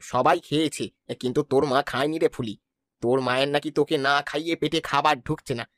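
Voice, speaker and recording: A man voicing a kindly village husband and father in a cartoon, coaxing and fast-talking. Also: on the high side, steady tone, dry recording, close to an everyday voice. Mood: gentle.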